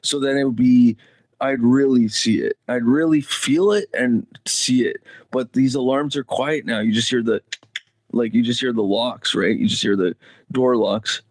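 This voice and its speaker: A man's voice: mid-range voice, normal speed, a little mellow, no echo. A man hosting a casual solo livestream, rambling loosely with chuckles and the odd swear word. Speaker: livestream host. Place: Canada.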